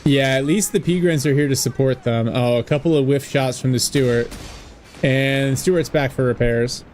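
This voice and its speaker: A man casting a strategy game in a relaxed, chatty way, laughing often and slipping into jokey voices. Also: medium pitch, normal speed, slight background noise. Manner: laughs often, drops into a mock German voice. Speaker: game caster. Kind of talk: casual game commentary.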